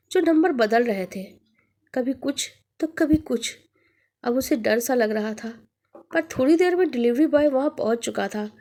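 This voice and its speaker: A woman narrates a ghost story with a dramatic, suspenseful delivery. Her voice sits noticeably high. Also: darkish tone.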